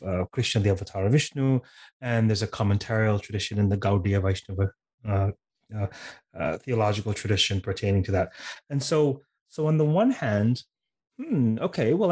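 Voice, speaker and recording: A man's voice: on the low side, darkish tone. A man hosting an academic interview, asking long, searching questions full of fillers and restarts. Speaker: interview host.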